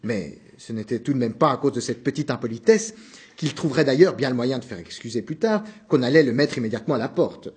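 A man narrating a novel in a measured, subdued reading voice. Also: mid-range voice, expressive, a little mellow, breathy edge.

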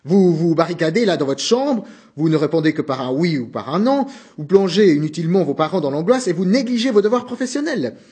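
Stern formal manager, raised and lively voice, a male reader putting him on for a storybook. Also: high-pitched, fairly quick, pitched above the performer's own voice. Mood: scolding. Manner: scolding, formal, indignant. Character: stern middle-aged male office manager.

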